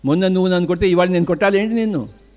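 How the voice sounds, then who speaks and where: A man's voice: high-pitched, very fast, darkish tone. An older man with a Telugu accent giving a spiritual discourse, asking rhetorical questions and answering them in short repeated lines. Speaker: spiritual teacher.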